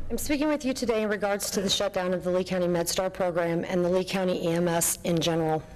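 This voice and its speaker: A woman who is losing her voice and clearing her throat reads a prepared public statement at a government meeting. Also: on the low side, slight background noise. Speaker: member of the public giving comment. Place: large indoor government meeting room. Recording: echoey meeting hall.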